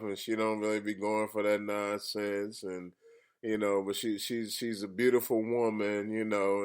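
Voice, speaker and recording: A man with a fairly deep voice interviews in a loose, chatty style. He rambles in slangy phrases and restarts his questions several times. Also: smooth. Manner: rambling, repeats openers, slangy. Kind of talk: casual chat.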